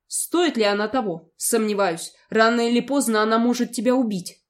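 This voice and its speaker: A woman's voice: on the high side, normal speed, lightly acted. A woman reading as a commanding old male emperor, curt and authoritative. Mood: stern.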